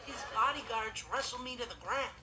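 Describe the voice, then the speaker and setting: Earnest, awkward teenage Josh. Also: male voice, extremely high pitch, fairly quick. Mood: earnest, aggrieved. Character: earnest, awkward, put-upon goofy teenage boy. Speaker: sitcom character. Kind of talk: scripted comedic monologue to audience.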